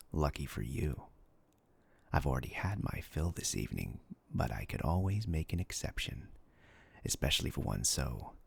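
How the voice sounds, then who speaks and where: For a dark fantasy roleplay, a man voices a sinister, hungry demon inhabiting a human body. He delivers slow, mock-polite menace in a gravelly, husky, breathy voice. It's a rumbling low, full character voice.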